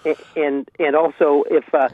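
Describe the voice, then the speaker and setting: A man speaks over a landline phone as a radio call-in caller, his voice squeezed thin and tinny by the line. His tone is earnest and a little halting as he restarts his sentences. The sound is close and dry, with no room around it. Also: fairly high pitch, flat delivery, no room sound. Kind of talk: call-in opinion on a talk radio show.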